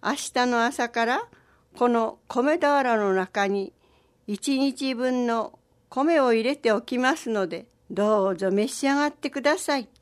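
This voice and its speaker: Lady doing a snake spirit as a shy young man, thin humble voice, super polite, kinda high. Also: a little slow, natural voice.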